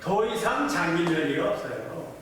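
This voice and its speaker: A high-pitched male pastor preaches a sermon to his congregation, throwing questions back at them again and again. His voice carries from a distance through a very echoey church hall with a long reverb tail. A faint hum of noise sits underneath. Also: very animated, normal speed, fairly bright tone. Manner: asks the congregation repeated yes-or-no questions. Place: church sanctuary.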